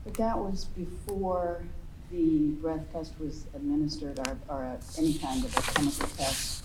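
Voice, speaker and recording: A woman judge putting halting, probing questions to counsel from the bench in a courtroom. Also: sits low, steady tone. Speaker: appellate judge. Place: echoing courtroom. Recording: echoey room, noisy background.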